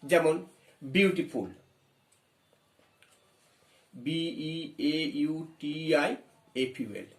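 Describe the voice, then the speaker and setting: This English grammar lesson comes from a West Bengal man whose voice is on the high side and animated, heard in an echoey room. He reads English phrases slowly, spells words letter by letter, and asks questions while explaining each step.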